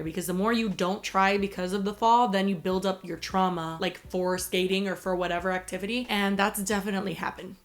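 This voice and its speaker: A woman in her twenties telling stories to camera in a casual, animated, rambling way, swearing freely. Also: medium pitch. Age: 20s. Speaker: YouTube vlogger. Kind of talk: casual chatty storytelling Q&A to camera. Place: small furnished room indoors.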